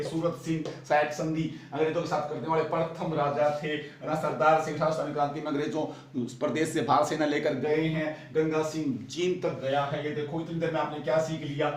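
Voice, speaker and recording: Echoey man drilling exam questions. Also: fairly high pitch. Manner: drills with repeated questions and answers; urging, brotherly pep talk. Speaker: exam coaching teacher. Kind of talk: fast exam-prep lesson. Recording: echoey room, distant mic.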